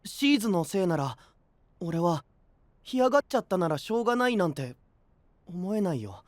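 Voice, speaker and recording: In an anime audio drama, an actor voices an easygoing, friendly young man with a light, casual manner, here sounding wistful and resigned. The voice is high with big pitch swings, delivered at a moderate pace with no room sound.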